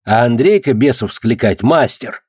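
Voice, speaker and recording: A man's voice: mid-range voice, lively intonation, moderate pace, darkish tone, slightly rough, dry recording, studio quality. A man voicing a boastful, gossipy male street trader who claims to know everything.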